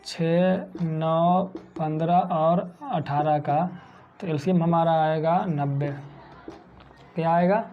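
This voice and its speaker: A man's voice: on the high side, fairly even intonation, slow, phone-quality sound, slight background noise. A man from India teaching a math lesson for exam prep, who keeps asking his own questions and answering them.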